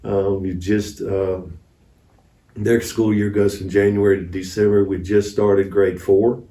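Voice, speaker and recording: Recounting mission experiences in a relaxed, anecdotal manner, the interviewee talks a little slowly in a lowish, dark voice with little pitch movement. Sound comes from a distant mic in a room with echo.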